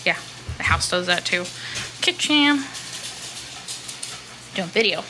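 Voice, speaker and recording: Woman chatting through a house tour, lively up and down voice, kinda tired, noisy phone audio. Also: takes it slowly. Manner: chatty, rambling, coos at her pets in a high baby voice. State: tired after moving. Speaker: vlogger giving a home tour. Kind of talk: casual home tour narration. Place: inside a newly moved-into house. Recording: noisy home recording.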